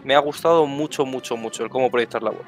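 A man's voice: mid-range voice, fast talker, faint music behind. A man, a tabletop game player giving effusive feedback in casual chat, repeating words for emphasis.

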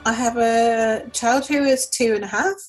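Breathy woman pausing to think. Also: fairly high pitch, faint music behind, poor audio. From Mexico. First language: Spanish. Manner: thoughtful, pausing often with ums. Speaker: podcast guest. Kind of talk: casual answers to a question list.

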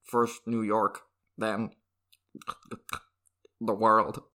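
A man voicing a scheming male robot with a flat, mechanical robot voice. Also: on the low side, heavily acted. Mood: menacing. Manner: flat, mechanical, deliberate delivery. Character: scheming male robot plotting world takeover. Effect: monotone robot voice. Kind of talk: improvised comedy bit.

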